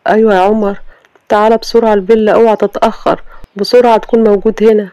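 A woman's voice: mid-range voice, flat delivery, rapid-fire, dark tone, no echo, muffled recording, pitched above the performer's own voice, natural voice. Woman voicing a harsh, proud rich young man. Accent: Egyptian. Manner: brusque, commanding.

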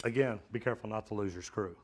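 A fast-talking middle-aged plumber with a fairly low pitch demonstrates hands-on work in a metal-walled storage unit, with background noise audible. Wearing a lapel mic, he keeps it practical and plain-spoken, calling viewers "guys."

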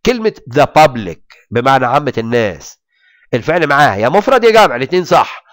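Lively Egyptian man teaching English grammar. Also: medium pitch, no echo, studio quality. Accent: Egyptian Arabic. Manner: reads English examples slowly and deliberately between quick Arabic explanations. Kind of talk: grammar lesson explaining English in Arabic.

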